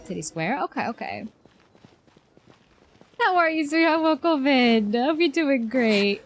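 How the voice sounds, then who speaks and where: A woman streaming a game gushes to her viewers over a quest, exclaiming freely in casual chat. Her high-pitched voice is very animated yet unhurried.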